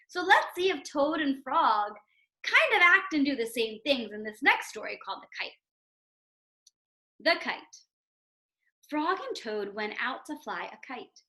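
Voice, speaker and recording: A woman teacher with a high, pushed and bright voice reads aloud to young children. Her lesson is instructive and emphatic, often checking in with a questioning tag, and the recording sounds roomy and echoey.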